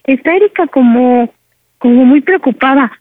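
A woman's voice: sits high, moderate pace, natural voice. A woman playing a frantic daughter on a tinny phone line. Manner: pleading, upset, talks over her mother. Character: young woman pretending to be two daughters. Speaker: prank caller. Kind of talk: prank phone call.

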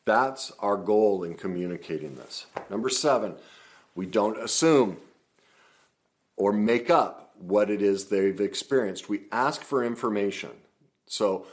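A man teaching about communication in relationships, earnest and emphatic, acting out sample dialogue. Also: lowish voice. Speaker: relationship coach.

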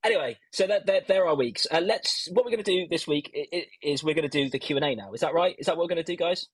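A man hosting a casual fantasy football podcast with bantering, self-mocking chat, heard in low quality stream audio from a stand-in mic. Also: quick pace, slightly rough, no echo. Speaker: host of a fantasy football show. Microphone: stand-in mic, not his usual one.

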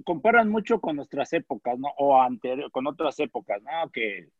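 A man's voice: medium pitch, sing-song, normal speed, no room sound. A man on a sports podcast panel, an old-guard voice insisting on passion and comparing today with past eras. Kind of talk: casual debate. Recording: dry, muffled lo-fi mic.

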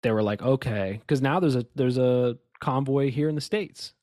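A man's voice: medium pitch, moderate pace, a little mellow, dry recording. Rambling man on a dry podcast mic. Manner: rambling, emphatic, with many restarts and asides. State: has the hiccups. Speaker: podcast co-host. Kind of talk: casual conspiracy chat.

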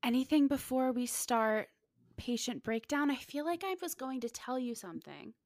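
A woman hosting a casual podcast, upbeat and lively. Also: sits high, moderate pace, no echo, clean studio sound. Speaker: podcast host.

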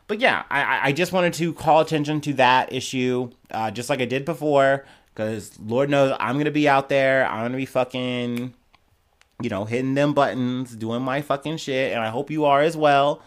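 A man's voice: mid-range voice, moderate pace. A young man hosting a solo news podcast, reading quotes aloud and then riffing on them in a loose, profane, chatty way. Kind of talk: casual solo news commentary.

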